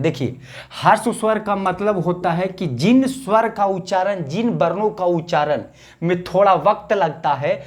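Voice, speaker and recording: A male teacher giving a grammar lesson, repeating each definition and slowly drawing out the vowel sounds as he recites them. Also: high-pitched.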